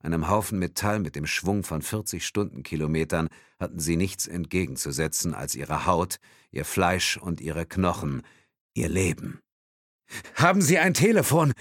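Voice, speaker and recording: A man's voice: deep voice, no echo, clean studio sound. A man reading a thriller as audiobook narration in a tense, dramatic manner. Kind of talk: scripted narration.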